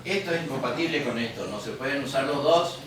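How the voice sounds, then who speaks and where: Lecturing in a museum classroom with a crowd audible behind him, the Guaraní teacher has an expressive, mid-range voice. The echoey, far-off acoustics surround him as he explains, questions his class and slowly repeats words.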